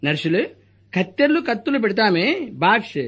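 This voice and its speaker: An actor playing a scheming, greedy hospital doctor in a stage comedy, firing off rustic wisecracks. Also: male voice, sits high, very animated, a bit bright, slightly rough, full character voice. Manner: rapid wisecracking, rustic dialect.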